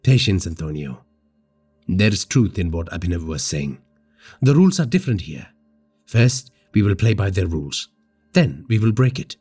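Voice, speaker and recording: A man voicing a patient, vengeful male cartel boss who speaks in slow, low, measured threats. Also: sing-song, a little mellow, breathy edge, faint music behind, full character voice. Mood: menacing.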